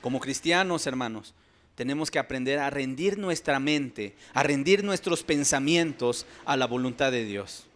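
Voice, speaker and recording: A male pastor preaching a sermon. He is emphatic and swings between loud and soft. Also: mid-range voice, animated, normal speed.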